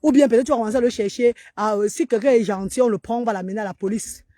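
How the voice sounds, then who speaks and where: Earnest husky woman on a phone livestream. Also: a little high, very fast, warm tone, dry recording. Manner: earnest, urging other mothers. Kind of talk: casual livestream talk. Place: outdoors in a park.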